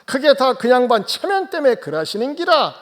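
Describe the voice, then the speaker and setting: A man's voice: extremely high pitch, sing-song, normal speed, voice pushed up. A man voicing a blunt, boastful countryman with a Gyeongsang dialect, punching out emphatic tag questions.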